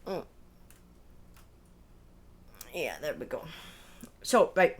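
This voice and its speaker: A woman hosting a livestream chats informally with her viewers in a deep, very animated voice, never rushing. She's a streamer and storyteller who is chatty and self-deprecating. The occasional swear word slips in.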